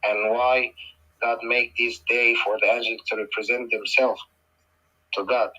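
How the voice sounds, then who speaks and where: Bright, forceful Tongan-accented man. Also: medium pitch, flat delivery, measured pace, muffled recording. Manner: emphatic, repeats phrases, poses rhetorical questions. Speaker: guest speaker. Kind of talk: explanatory religious discussion.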